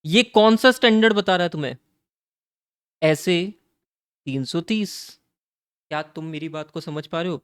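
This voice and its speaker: A man teaching auditing in an exam-prep lecture. He asks his own questions and answers them, and draws key terms out slowly. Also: on the high side, a bit bright, clean tone, no echo, studio quality. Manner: calls students "beta" and "bhai", coaxing and playful.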